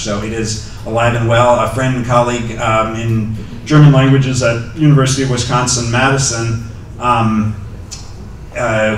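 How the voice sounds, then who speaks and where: Heard from far off in an echoey hall with a bit of hiss or hum, a middle-aged man with a lowish voice answers Q&A questions as a guest lecturer. Speaking into a handheld mic at a podium, he responds hesitantly, restarting often and saying um a lot.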